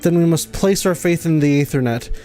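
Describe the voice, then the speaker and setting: A man's voice: on the high side, brisk, warm tone, soft background music. A man streaming a game, reading its dialogue aloud, tripping over fantasy names and laughing often.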